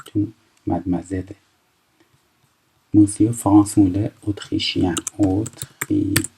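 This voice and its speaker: A man in his twenties from Iran teaching a recorded French lesson, explaining step by step and reading French phrases slowly before translating them. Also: lowish voice, creaky, mellow, a little hiss or hum, low-quality recording. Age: 20s.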